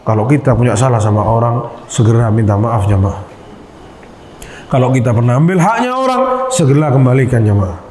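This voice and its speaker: A man preaching a storytelling sermon to his congregation, animated and direct. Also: mid-range voice, brisk, slight background noise. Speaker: Islamic preacher.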